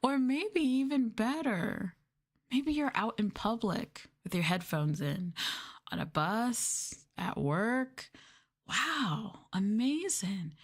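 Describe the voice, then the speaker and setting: Slow and sing-song in a slightly high voice, this VTuber streamer taunts her audience in an ASMR roleplay, talking down to them in a mocking, sultry, teasing way.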